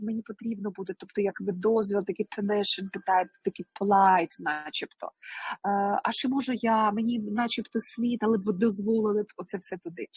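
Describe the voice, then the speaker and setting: Husky Ukrainian woman teaching English. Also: medium pitch, dry recording. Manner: chatty, explaining, mixing Ukrainian and English. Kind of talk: live online language lesson.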